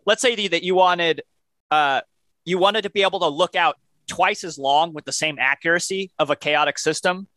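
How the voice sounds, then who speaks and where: A man co-hosting a finance podcast, explaining ideas step by step in a measured way. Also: a little high, sharp tone, no echo. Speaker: podcast co-host. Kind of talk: casual finance podcast chat.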